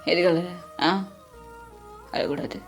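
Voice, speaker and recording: A woman voicing a gentle, loving father who talks softly and soothingly, with faint music underneath. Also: takes it slowly, lightly acted. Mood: tender soothing. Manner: soothing, hushed.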